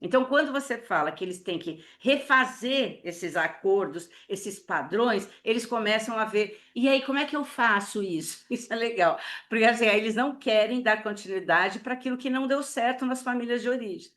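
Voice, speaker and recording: A woman's voice: a little high, moderate pace, a bit bright. A woman teaches family therapy in an easy, conversational way, leaning on fillers as she talks. She tells case stories as she goes. Her voice comes through a computer mic on a video call. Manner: chatty, lots of fillers, acts out quoted dialogue.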